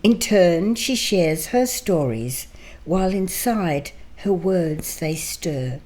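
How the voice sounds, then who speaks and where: An older woman from Greece speaks slowly in a low voice, reciting her own poem with measured care and then telling her story as a guest. Her tone is dark and mellow, and she takes her time over every line. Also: expressive, rough recording. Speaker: interview guest. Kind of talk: poetry reading and personal storytelling. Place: her home.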